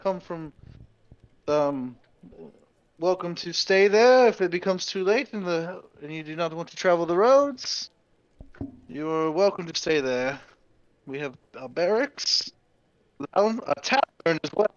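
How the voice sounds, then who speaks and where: A man playing a tabletop game over an online call, his audio cutting out and breaking up as he talks in halting, repeated starts. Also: high-pitched, lively intonation, dry recording, muffled recording. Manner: halting, repeats words while searching for them. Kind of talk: casual in-character chat over a voice call.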